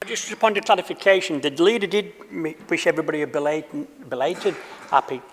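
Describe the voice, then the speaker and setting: A councillor making a pointed, sardonic remark. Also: male voice, on the high side, a little fast. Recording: echoey chamber, faint noise.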